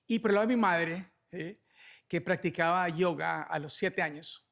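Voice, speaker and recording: A middle-aged man from Cali, Colombia, with a Colombian accent, appears as a podcast guest and alternative medicine doctor. His high-pitched, slightly bright voice has vocal fry and a moderate pace, and he explains things conversationally, often tacking on checking tags like "¿no?".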